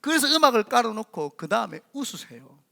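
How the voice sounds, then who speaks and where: A middle-aged Korean man, preaching a sermon as senior pastor and telling animated stories in which he acts out the voices in quotes. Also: extremely high pitch, fast, creaky.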